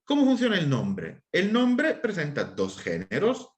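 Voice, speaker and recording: A man's voice: high voice, a little slow. Guy explaining stuff like a lecturer, voice going up and down a lot, keeps asking if you follow. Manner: lively, checks in with listeners often. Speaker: assyriologist lecturer. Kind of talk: explanatory lesson in an interview.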